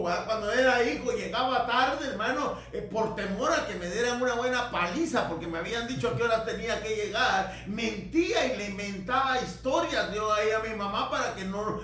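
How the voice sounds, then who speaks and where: A male preacher giving an animated sermon, often calling his listeners brother. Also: high voice, normal speed, hardly any pauses, a little hiss or hum. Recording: very echoey hall, voice from far off, faint background.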